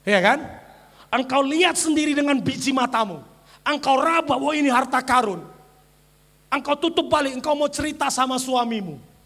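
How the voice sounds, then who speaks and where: A male pastor preaching an energetic sermon, swinging between shouted declarations and soft mimicking asides. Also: very high voice, normal speed. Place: church sanctuary. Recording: church hall with long reverb.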